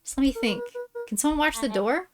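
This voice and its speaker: A woman's voice: high voice, very animated, a little fast, over music. A woman voicing defiant, anxious kids from a heist crew in a story game. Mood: tense. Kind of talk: voiced reading of story game dialogue.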